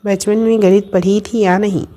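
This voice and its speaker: Brief: woman voicing a cheeky, caring young woman for a storybook, mid pitch. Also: steady tone, normal speed, dark tone, natural voice. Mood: teasing. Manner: teasing, bossy and affectionate. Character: bold, teasing young woman, caring friend.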